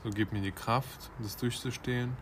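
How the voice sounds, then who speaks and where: A man on a podcast, hesitantly thinking aloud and pausing as he answers. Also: medium pitch, steady tone, background noise. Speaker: podcast co-speaker.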